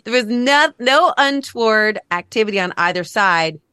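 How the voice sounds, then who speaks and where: A woman's voice: a little high, moderate pace, clean tone, no room sound. A woman co-hosting a podcast, telling chatty stories in casual chat. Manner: chatty, animated storyteller. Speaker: podcast co-host and author.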